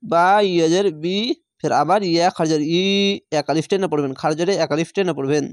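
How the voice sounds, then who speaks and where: A man teaching a Quran reading class, spelling each word syllable by syllable and then reciting it slowly and drawn out. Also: fairly high pitch, dry recording.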